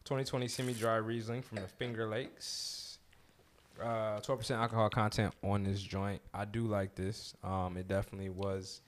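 A man's voice: lowish voice, normal speed, a little hiss or hum. An American man hosting a podcast in casual, slangy banter. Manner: slangy, animated. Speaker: podcast host.

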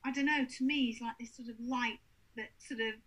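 A woman's voice: a little high, brisk, breathy edge, poor audio. A woman, a paranormal investigator telling stories in casual chat and acting out the people she quotes. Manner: animated storyteller, acts out quotes.

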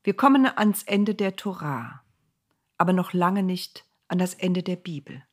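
A woman narrating a Bible story for listeners, expressive and slowing for dramatic moments. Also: fairly low pitch.

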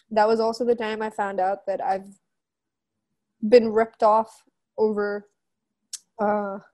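Mellow young Pakistani woman, candid and informal. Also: mid-range voice. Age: 20s. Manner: frank, informal, with quoted asides. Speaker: interview guest, musician and model. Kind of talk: candid conversational storytelling, mixing in Urdu phrases.

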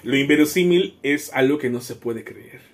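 A man with a Mexican accent, co-hosting a casual group podcast, who explains words slowly and deliberately. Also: mid-range voice. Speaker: podcast co-host.

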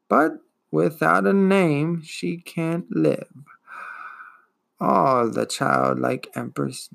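A man voicing an ancient, weary female giant turtle who speaks in a slow, gloomy, wheezing drawl. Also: fairly high pitch, creaky, a bit bright, pitched above the performer's own voice, heavily acted.

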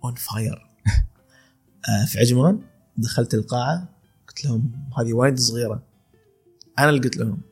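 Faint music plays under a darkish, slightly rough, medium-pitched male voice with vocal fry, moving at normal speed with long pauses. The speaker is a calligrapher in his twenties from Khor Fakkan, UAE, with an Emirati Arabic accent. On a casual podcast he tells stories, laughing a lot and often starting sentences over.

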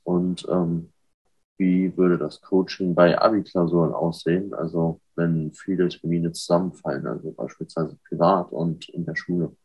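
A man's voice: sits low, level tone, normal speed, slightly rough, lo-fi sound. A young man, a student, hesitantly asking a question about exam stress. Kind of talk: reading out a question.

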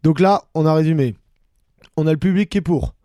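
A man's voice: a little high, fairly quick, mellow, no room sound. A man hosting a football podcast, guiding and summarizing the discussion. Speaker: podcast host. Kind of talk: moderating football chat.

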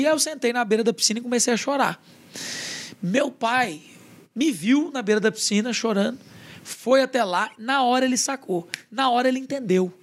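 A man with a Brazilian accent, a pastor and podcast guest, telling a personal testimony in casual chat and acting out the dialogue in a raised voice. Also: very high voice. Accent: Brazilian Portuguese. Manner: lively retelling that acts out quoted dialogue in a raised voice.

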